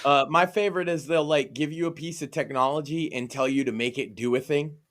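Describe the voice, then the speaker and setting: A young man hosting a casual podcast chat, mocking and animated, often mimicking others in exaggerated voices. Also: fairly high pitch, a little fast. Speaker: podcast host.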